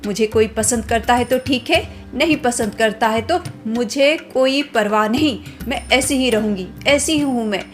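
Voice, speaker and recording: A woman's voice: on the high side, moderate pace, few pauses, soft background music, close to an everyday voice. A woman voicing a rebellious young bride-to-be who speaks indignantly and outspokenly. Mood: defiant.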